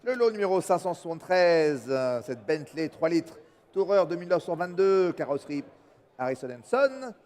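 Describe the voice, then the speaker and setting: Higher-voiced male auctioneer in a reverberant hall. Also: big pitch swings, brisk, darkish tone. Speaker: French-language co-auctioneer. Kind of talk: formal auction announcing and bid calling. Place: large auction saleroom.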